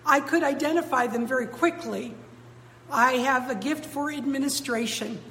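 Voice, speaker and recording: An American woman pastor delivering a sermon, her voice echoing through a large church sanctuary. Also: high voice. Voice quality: echoing in a long cathedral-like reverb. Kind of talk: sermon, addressing a congregation. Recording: long church reverb, clear background noise.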